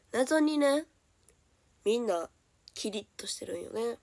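A young Kansai woman talking to her stream viewers in a slightly high voice that sounds hoarse today. She chats and giggles freely and often sinks into quiet, breathy whispers. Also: expressive, extremely slow, no echo. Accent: Kansai Japanese. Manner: chatty and giggly, slipping often into soft whispers. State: hoarse, voice lower than usual. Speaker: idol livestreamer. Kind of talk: casual solo livestream chat.

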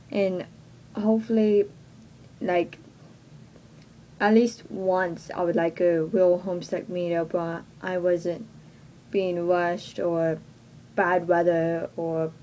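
A woman's voice: on the low side, mellow, a little hiss or hum, rough recording. A young woman with a Texan accent making a casual announcement to her viewers, hesitant and self-conscious, filling her talk with "like," recorded on a webcam in a small bedroom. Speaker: vlogger. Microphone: webcam at close range.

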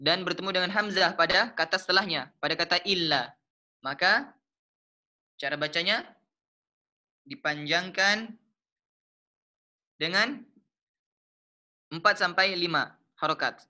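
A man with a Malaysian accent teaching the rules of Quran recitation, explaining slowly and patiently, repeating each term and chanting the example verses. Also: high voice, bright, forceful tone. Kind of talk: explaining tajwid rules step by step.

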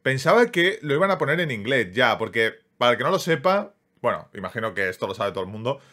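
A man with a Spain Spanish accent giving casual, excitable reaction commentary over gameplay, dropping quick tag questions to his viewers. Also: mid-range voice. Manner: excitable, peppers speech with quick tags. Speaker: gaming YouTuber.

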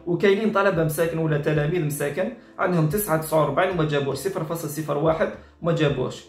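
Casting: Algerian male online commentator, exasperated and repetitive, rapid-fire delivery, echoey room with faint music behind. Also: on the high side. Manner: exasperated, repetitive, mixes Arabic with French. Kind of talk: informal reaction commentary. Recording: roomy echo with faint music.

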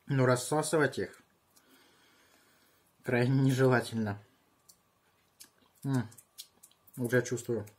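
A man in his thirties chatting casually on a home vlog in halting short bursts while he handles and tastes things, with a husky voice. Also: mid-range voice, a little mellow. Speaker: video host tasting candy. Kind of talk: casual vlog chat with muttered reactions. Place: small room at home.

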